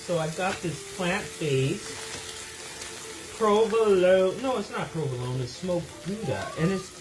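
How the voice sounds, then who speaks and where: Chatty, slow-talking woman cooking. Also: on the low side, lively intonation, noisy background. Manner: chatty, rambling, talks to viewers. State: tired and loopy. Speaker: small business owner. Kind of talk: casual cooking vlog. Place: home kitchen. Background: sizzling pan and music.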